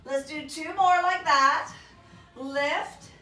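Woman fitness instructor, high voice, drawn-out spacing between clipped cues, encouraging, counting reps, recorded across a room. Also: sharp tone. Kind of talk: workout coaching with counted cues. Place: small carpeted home exercise room, indoors. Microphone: camera across the room. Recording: echoey room, distant mic, background music.

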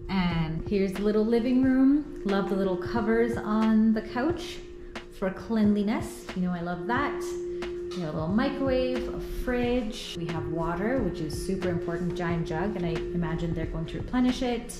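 A woman's voice: medium pitch, expressive, roomy sound, over loud music. A woman vlogger chatting delightedly as she shows off a rented apartment indoors. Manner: chatty, delighted, quick asides. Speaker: travel vlogger. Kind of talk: casual tour narration.

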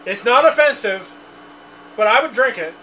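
A man in his thirties co-hosts a casual beer review at a basement bar, goofy and prone to loud outbursts. His voice sits high for a man. He is heard from across the room through a distant camera, with a faint hiss. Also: animated, moderate pace. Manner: goofy, blurts out lines and song bits. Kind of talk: casual chat. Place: dim basement bar, indoors. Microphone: far camera.

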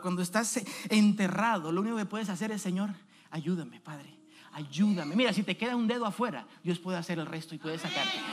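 A man's voice: high voice, fairly bright tone. A man preaching a sermon as an evangelist in a church, speaking emphatically and asking the congregation direct questions.

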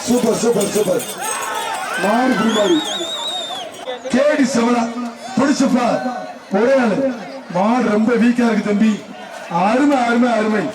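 High excitable man over a loudspeaker. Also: measured pace, long pauses. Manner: excitable, calling out bull names and warnings to tamers. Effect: through a loudspeaker system. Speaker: bull-taming event announcer. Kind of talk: live event commentary over a loudspeaker. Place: outdoor festival arena. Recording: echoey loudspeaker from far off, loud crowd. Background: loud cheering crowd and noise.

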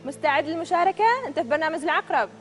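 A woman hosting a televised quiz show from a studio, reading out questions and answer options crisply and upbeat. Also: high voice, rapid-fire, a bit bright. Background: show music.

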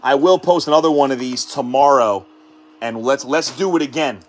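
A man hosting a card-break stream, calmly calling out cards and then shouting in hyped excitement at the big hits. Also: mid-range voice, normal speed, a little hiss or hum. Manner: hyped, shouting exclamations between calm card callouts.

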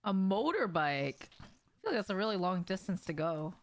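A young adult woman with a mid-range voice and big pitch swings speaks at a normal speed as she streams a game. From a small indoor room at home, she chats casually with viewers, cursing offhandedly and asking frequent questions.

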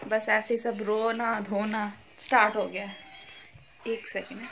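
A woman's voice: mid-range voice, flat delivery, slow pace, noisy background. A young woman vlogger chatting casually and teasingly with her family at home, laughing often. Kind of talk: casual family vlog chat. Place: crowded family home, indoors.

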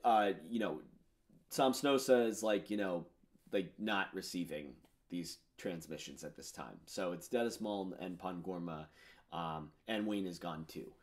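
In a home studio lit purple, a musician in his thirties rambles enthusiastically about the songs on his album, with lots of fillers. His voice is low-pitched and his pace measured.

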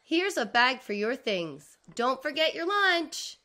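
Storybook mom, read by a woman: practical, caring, helpful, with very animated pitch. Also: slow, exaggerated voice. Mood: helpful, urging.

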